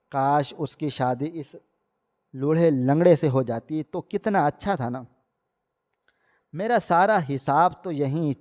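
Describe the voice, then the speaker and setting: A man reading a dramatic first-person story in a steady storytelling manner. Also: a little high. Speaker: narrator. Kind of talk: scripted story narration. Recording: long hall reverb.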